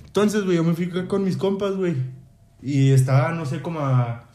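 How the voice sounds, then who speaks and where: A young man with a Mexican Spanish accent, casually telling a story among friends, animated, laughing often and full of slang. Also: a little high, normal speed. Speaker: podcast co-host telling a story. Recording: echoey room, background noise.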